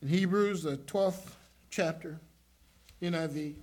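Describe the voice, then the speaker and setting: A male pastor preaching a sermon, swinging between hushed, prayerful passages and loud, shouted emphasis. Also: fairly high pitch, slow.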